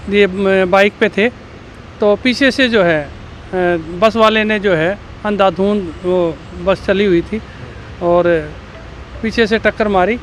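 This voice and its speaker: A man's high voice moves slowly and haltingly, full of pauses and fillers. Faint traffic noise hums behind him. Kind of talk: street interview.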